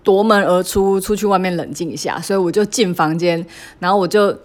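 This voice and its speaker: Lowish-voiced mother, halting and candid. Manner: hesitant, halting, full of fillers and restarts; emotional and confessional, with laughs. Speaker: mother sharing a parenting story. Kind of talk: candid personal storytelling.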